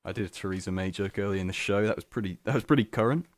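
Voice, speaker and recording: Speaking very fast in a fairly low voice, a young man runs a student radio show by himself from a small studio, with no room sound on the studio microphone. His chat is rambling, self-mocking, and scattered, full of restarts.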